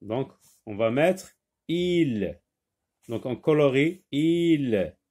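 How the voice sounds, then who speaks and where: A male teacher leading a reading lesson at an unhurried, measured pace. He says each word twice and spells out its syllables with careful patience, his pitch sitting in an ordinary middle range. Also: lively intonation, dark tone. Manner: slow and deliberate, repeating each word and syllable.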